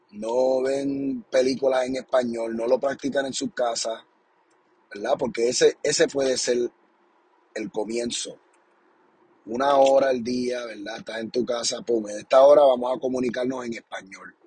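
Very husky man, passionate. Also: medium pitch, darkish tone. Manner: passionate and encouraging, repeats points, often asks "¿verdad?". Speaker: podcast host. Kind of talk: casual spoken monologue.

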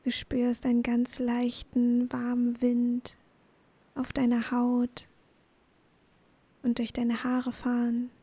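Woman doing a bedtime sleep story, gentle breathy near whisper, kinda high but even, really close dry sound. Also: slow, long pauses, no room sound. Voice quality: breathy, soft. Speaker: sleep meditation podcast host and narrator. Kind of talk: sleep story narration, guided bedtime meditation.

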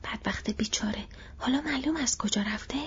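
A guarded, devoted hobbit servant acted out by a woman in a whispered role-play, his raspy, gravelly whisper slightly high. The recording is dull and lo-fi. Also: a little mellow, heavily acted. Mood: worried. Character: loyal wary male hobbit servant.

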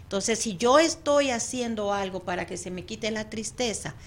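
A woman's voice: medium pitch, expressive, normal speed. A woman counselor, a guest on a radio talk show, chatty and laughing often. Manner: chatty, laughs often, acts out clients' voices.

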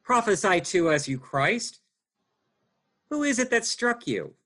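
A man's voice: high voice, big pitch swings, unhurried, pushed and bright, exaggerated voice. A man reading the parts of a Roman governor and accusers in a dramatized scripture reading, plain and earnest. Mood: questioning. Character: male governor and accusing crowd voices.

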